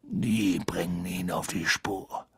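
A man's voice: low-pitched, steady tone, slow pace, dry recording, voice pushed down, full character voice. A man reading an audiobook, voicing a huge, hot-tempered male gamekeeper who talks bluntly. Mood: low, grim. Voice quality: gravelly, raspy. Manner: blunt, growling.

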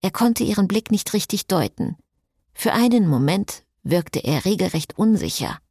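A woman reading an audiobook narration with expressive storytelling. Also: mid-range voice, moderate pace, husky, dry recording, studio quality.

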